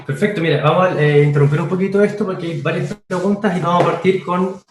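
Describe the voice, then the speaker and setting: Male moderator, brisk, slightly high voice, roomy recording with light noise. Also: steady tone. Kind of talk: reading audience questions. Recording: roomy sound with faint noise.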